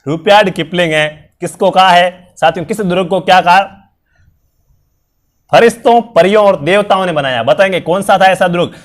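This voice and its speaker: A man's voice: sits high, moderate pace. A young man, his voice strained and worn, teaching a live online quiz class and quizzing students over and over in an upbeat way. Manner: repetitive, upbeat quizzing with frequent fillers. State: strained, worn voice from illness and long talking. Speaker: online exam-prep teacher.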